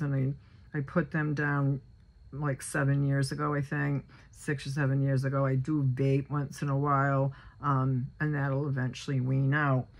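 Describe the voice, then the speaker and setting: A woman in her sixties with a low, deep voice talks openly to her viewers. She rambles, with lots of ums and restarts, in an unscripted, personal way. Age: 60s. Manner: rambling, many fillers and restarts. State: a little choked up. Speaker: vlogger. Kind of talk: casual personal monologue.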